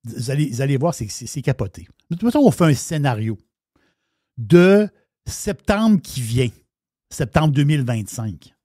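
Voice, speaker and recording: A man with a Québécois accent, chatting excitedly about wine as a regular columnist, his words tumbling over restarts. His mid-range voice sounds close and dry, with no room around it. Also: medium pitch, moderate pace, husky, no room sound. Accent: Québécois French. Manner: enthusiastic, rambling, many restarts. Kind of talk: casual radio chat.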